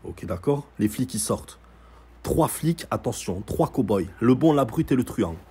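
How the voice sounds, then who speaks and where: A young man telling a story in a casual, sarcastic rant, mocking and animated as he recounts events. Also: medium pitch, moderate pace, husky.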